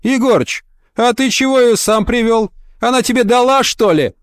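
A man voicing a brash, crude woman boss with a low chesty voice, firing blunt, mocking questions at an applicant. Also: normal speed, clean tone, no room sound, clean studio sound.

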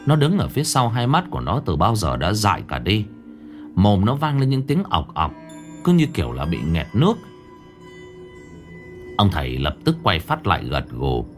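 A man narrating a ghost story in a dramatic, expressive way. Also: fairly low pitch, moderate pace, pauses often. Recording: faint background music under narration.

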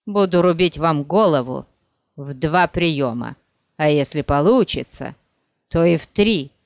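A man voicing a grim, gruff male executioner in an audiobook, speaking slowly and heavily, in a slightly dull, dry recording. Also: on the high side, lively intonation, no echo. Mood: menacing. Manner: slow, heavy, sullen delivery.

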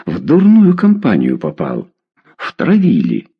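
A man voicing an enraged middle-aged father who hurls pompous threats at his son, with a husky, lively voice. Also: on the low side, slow pace, muffled recording, exaggerated voice. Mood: furious.

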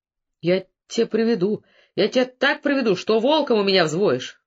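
A reader voicing a gruff, hot-tempered old peasant father who threatens his son, in an audiobook. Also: medium pitch, animated, moderate pace. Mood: angry. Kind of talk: audiobook dialogue reading. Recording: dull lo-fi recording.

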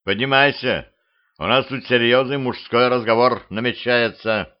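Bossy heavyset hypnotist, voiced by a man, loud and commanding, dull lo-fi audiobook. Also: medium pitch, measured pace, lightly acted. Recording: dull lo-fi home recording.

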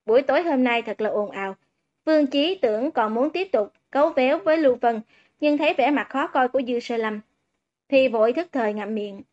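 A woman with a high voice narrates a novel in a steady, even way. The sound is dull and lo-fi, as if the treble has been cut. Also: fairly quick. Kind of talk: audiobook narration. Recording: dull lo-fi recording.

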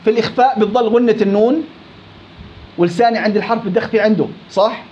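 A man teaching a tajweed lesson on Quran recitation. He drawls sample words slowly, repeats them, and quizzes the class. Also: sits high, darkish tone. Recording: dull lo-fi with faint background noise.

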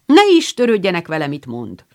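Egy nő egy kamaszfiút szólaltat meg, aki tréfásan, fennkölten és színpadiasan mutatkozik be egy klubban. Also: female voice, on the low side, wildly swooping pitch. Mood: mock-formal. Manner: mock-formal, theatrical bowing speech. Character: teenage boy playing a pompous club servant.

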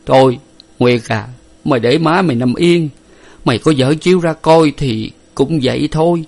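A man's voice: a little high, normal speed, gravelly, darkish tone, voice pushed up. A man playing a grief-stricken older father in a storybook reading, choked and lamenting. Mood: mournful lament.

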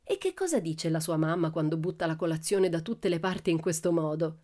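A woman's voice: low voice, animated, a little fast. A woman voicing a cheeky, fearless little girl who teases with mock politeness, in a radio story reading. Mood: teasing. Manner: cheerful, teasing, mock-gentle.

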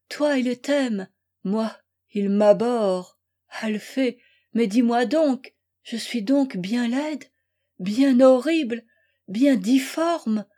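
A jealous young wife pours out her despair in a high, raised voice, as a woman reading an audiobook puts her on. Her pleas come slowly and loudly. Her tone stays mellow and soft-edged rather than sharp, with the heat of a dramatic storybook reading. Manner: impassioned, loud and pleading.

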